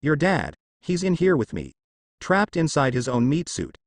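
A man's voice: a little high, huge pitch swings, measured pace, dry recording, clean studio sound, heavily acted. Azazel, a taunting demon, read by a man. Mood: gloating. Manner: taunting, mocking. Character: gloating, menacing male demon.

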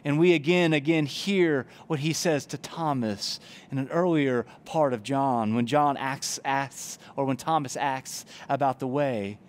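In an indoor church chapel in front of a brick wall, a pastor in his forties preaches earnestly on a headset mic, gesturing broadly. His medium-pitched voice moves a little slowly with hardly any pauses, and there is slight background noise.

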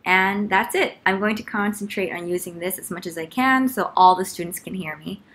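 Talking to camera from her living room, a young woman who vlogs and teaches walks viewers through a casual, chatty tutorial. She speaks at a normal pace in a mid-range, fairly bright voice, recorded on a laptop mic roughly an arm's length off.

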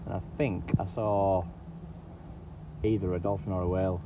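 Paddling a kayak at sea before landing on a beach, a man rambles casually to his action camera, dropping "you know" constantly. His low voice is flat and moderately paced. The lo-fi audio sounds dull, with wind and water clearly audible.

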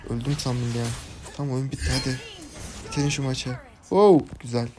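A young man, casually commenting his own ranked game, excitable and chatty with teammates and viewers. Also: mid-range voice, a little fast. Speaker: gaming YouTuber. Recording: game music behind the voice.

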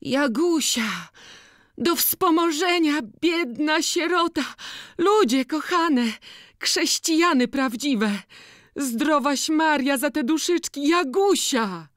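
Lady reading as an old beggar woman, high wailing pleading voice, dry close sound. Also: animated, slow, fairly bright tone, no room sound, heavily acted. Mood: begging.

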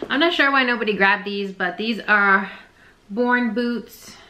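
A woman's voice: medium pitch, unhurried, sharp tone, a little hiss or hum, low-quality recording. A young woman chatting casually through a resale haul vlog, rambling and self-deprecating. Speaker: reseller vlogger.

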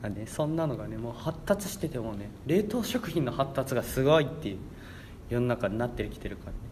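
A man's voice: medium pitch, animated, fairly quick, darkish tone, a little hiss or hum. A young man around eighteen hosting a casual radio chat in a rambling, stumbling way, often repeating himself. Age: young adult, about 18. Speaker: radio show host.

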